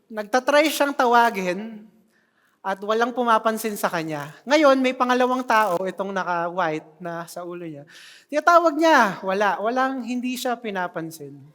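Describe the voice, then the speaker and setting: A preacher giving an animated sermon in a church, joking with the congregation. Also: mid-range voice, normal speed. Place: church hall. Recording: long reverb of a church hall.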